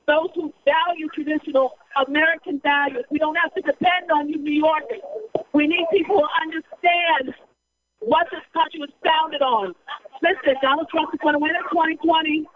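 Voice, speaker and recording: A woman giving an impassioned political speech outdoors at a street rally, emphatic and repetitive, firing rhetorical questions at her listeners. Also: sits high. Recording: dull lo-fi recording.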